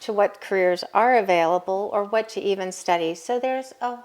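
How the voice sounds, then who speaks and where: Interview guest: woman counselor, steady mid-pitch, patient explainer. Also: normal speed. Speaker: college counselor and business owner. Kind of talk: interview answers.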